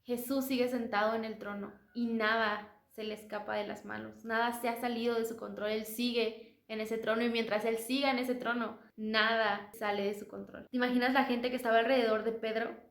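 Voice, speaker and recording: A woman's voice: on the high side, level tone, a little fast. A woman leading a casual Bible study, chatting and putting questions to the listener. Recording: roomy echo.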